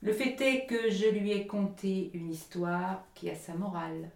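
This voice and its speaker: A woman's voice: mid-range voice, fairly even intonation, a little slow, vocal fry, far from the mic. A woman doing a pert little songbird. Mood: offhand. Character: small, pert, blunt female songbird. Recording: roomy echo.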